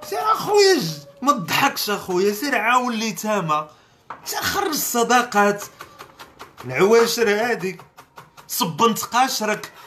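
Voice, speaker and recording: A man with a Moroccan Arabic accent hosting a podcast, ranting in a sarcastic, mocking comedic way. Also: sits high. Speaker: podcast host. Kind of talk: comedic rant commentary.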